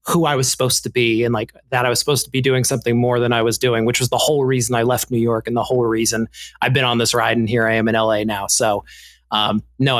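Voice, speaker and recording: A man who produces a podcast, speaking in a heartfelt, halting way with many fillers. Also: mid-range voice, fairly bright tone, no echo. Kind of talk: casual chat.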